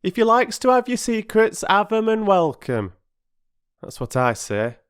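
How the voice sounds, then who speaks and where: A man's voice: high-pitched, sing-song, a little slow, smooth, voice pushed up. A man voicing a huffy working-class railway porter who talks in a lofty, sulky way with clipped dialect speech.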